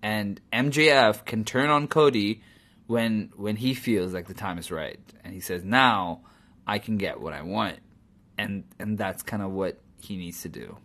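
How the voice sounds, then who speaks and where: Rambling, animated wrestling reviewer man. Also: lowish voice, normal speed. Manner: rambling, animated, swears and laughs while recapping. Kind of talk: casual solo commentary.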